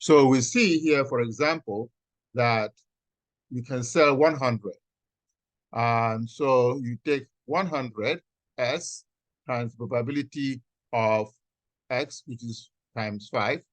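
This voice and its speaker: A man teaching an online class as a professor, explaining step by step in a halting, deliberate way and often checking in with "okay". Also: medium pitch, dry recording. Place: video call with screen sharing.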